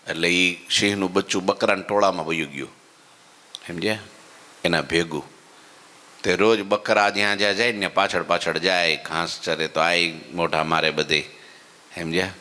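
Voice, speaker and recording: A man preaching a devotional story sermon in a temple hall, swinging between loud exclamations and low asides and checking in with listeners. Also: steady tone, moderate pace, pauses often.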